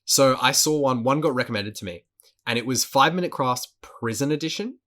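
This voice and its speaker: A man's voice: mid-range voice, a little fast, pushed and bright. A man co-hosting a podcast in casual chat, swearing often, laughing and repeating words as he talks. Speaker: podcast co-host.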